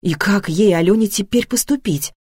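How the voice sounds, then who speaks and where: A woman reading a novel aloud as narrator, with expressive storytelling that shifts tone with the scene. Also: mid-range voice, normal speed, slightly rough, dry recording, studio quality. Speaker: audiobook narrator. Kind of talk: scripted narration.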